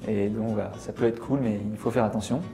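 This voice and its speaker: Mellow young Parisian man, chatty. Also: on the low side, fast talker, creaky, soft background music. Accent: Parisian French. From France. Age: young adult. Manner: relaxed, chatty, full of filler words. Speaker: interview guest. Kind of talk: casual interview chat.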